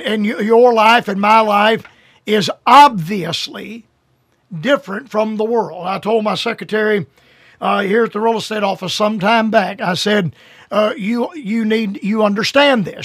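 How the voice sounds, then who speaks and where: An older man delivers a radio sermon in a high, husky voice. He stresses his points earnestly, slowing down and drawing out key phrases. The sound is dry and close to the mic. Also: a bit bright, no room sound. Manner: earnest, drawn-out emphatic phrasing. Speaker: radio preacher.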